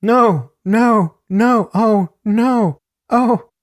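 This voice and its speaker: A man voicing a terrified young woman in a true-crime story, giving shrill, frantic, pleading cries. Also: drawn-out words. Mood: panicked.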